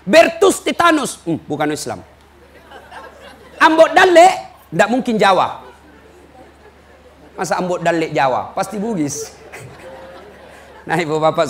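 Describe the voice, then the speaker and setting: A man from Sulawesi with a Makassar Indonesian accent, preaching an animated, joking sermon and acting out little dialogues. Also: high-pitched. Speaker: Islamic preacher. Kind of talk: humorous sermon.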